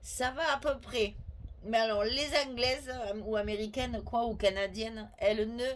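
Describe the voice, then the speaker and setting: A woman's voice: fairly high pitch, fairly even intonation, normal speed, slight background noise, rough recording. A woman with a Provençal French accent hosting a chatty, step-by-step scrapbooking tutorial, thinking aloud and correcting herself as she goes.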